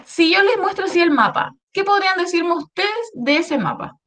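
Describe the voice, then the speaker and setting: Over a noisy background, a history teacher with a Chilean Spanish accent patiently walks schoolchildren through an online lesson, animated and at normal speed, often checking with "¿ya?" that they're following. Her voice is very high-pitched.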